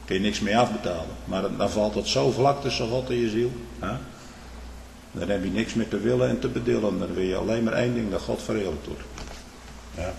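A man's voice: on the low side, a little fast, gravelly. Man, preacher, fervent sermon, emphatic rhetorical asides, reverberant hall, faint background noise. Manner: emphatic, with rhetorical "hm?" and "hè?" asides, swinging between hushed and loud.

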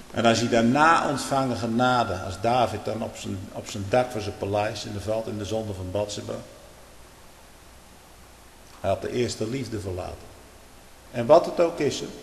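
A man preaching a sermon with great feeling, dropping to quiet earnest tones and then rising into loud outbursts, often repeating his phrases. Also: fairly low pitch, moderate pace, creaky, pauses often, slight background noise. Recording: echoey church with long reverb.

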